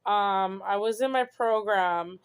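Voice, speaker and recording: Earnest young woman, smooth voice. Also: medium pitch, slow pace. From Canada. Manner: earnest, reflective, rambling with many "you know"s. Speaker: host. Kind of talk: casual personal monologue.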